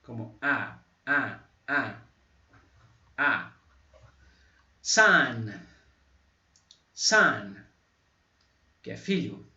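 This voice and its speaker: A male teacher gives an unhurried pronunciation lesson at a slow, deliberate pace. He repeats each example word louder and clearer than the talk around it. The sound is dull and roomy, as if picked up from some distance. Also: medium pitch. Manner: repeats example words slowly and loudly. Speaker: English teacher. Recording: echoey, distant, dull mic.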